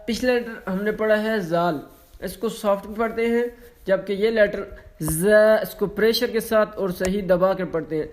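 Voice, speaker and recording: Male online tutor with a high voice; slow stretched letters, brisk explanations. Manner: slow drawn-out letter sounds between quick explanations, mixing in English. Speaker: Quran reading tutor. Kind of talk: online lesson in letter pronunciation.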